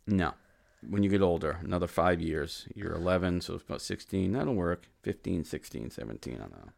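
Deep-voiced middle-aged man chatting casually. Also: animated, fairly quick, gravelly, a little mellow. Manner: rambling, fatherly, teasing. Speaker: podcast host. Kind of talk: casual chat with his child.

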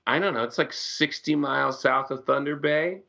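A man's voice: medium pitch, normal speed, vocal fry, pushed and bright, lo-fi sound. A man, a songwriter guest, chatting casually in an interview from his bedroom, often restarting his sentences.

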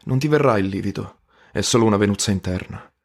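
A man's voice: lowish voice, quick pace, vocal fry, slightly rough. A man voicing an easygoing older male student leader who answers with unruffled, dry wit. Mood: concerned.

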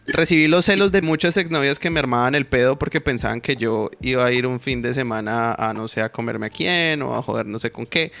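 A man's voice: mid-range voice, a bit bright, clear, resonant tone. A young man, a podcast guest, talking loosely in slang and poking fun at himself. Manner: loose, slangy, self-mocking. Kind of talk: casual chat.

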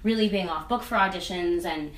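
A young adult woman, a singer and actress, chats casually as an interviewee, rambling and leaning heavily on "like" and "um." Her voice is fairly low and brisk. The mic sits at a distance in an echoey room with faint ambience.

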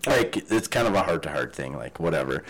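A man in his twenties telling a rambling story among friends, full of fillers and quick impressions of other people. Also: rumbling low, big pitch swings, fairly bright tone, poor audio. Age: 20s. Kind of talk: casual group banter.

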